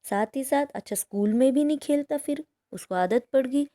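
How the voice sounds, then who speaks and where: With a high, mellow voice at a moderate pace, a teacher reads a textbook story to her pupils. Afterward she goes through the passage line by line, often asking "है ना?" along the way.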